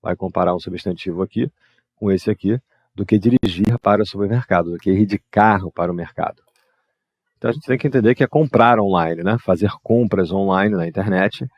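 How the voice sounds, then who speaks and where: A man, teaching English grammar and patiently explaining exercises, reading the English examples slowly. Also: low voice, no echo, muffled recording. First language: Portuguese.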